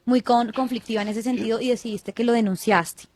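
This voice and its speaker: A woman hosts an interview, asking gentle, probing questions with a few halting restarts. Her voice sits a little high, and the recording is dry and close. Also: steady tone, dry recording. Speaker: interview host. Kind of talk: conversational interviewing.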